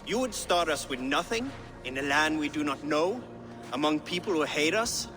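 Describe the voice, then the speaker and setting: A man's voice: a little high, animated, moderate pace, over music, lightly acted. A man playing a skeptical, worried Viking clansman in a video game, speaking in a challenging, formal way. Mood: doubtful, challenging. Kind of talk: dramatic video game dialogue.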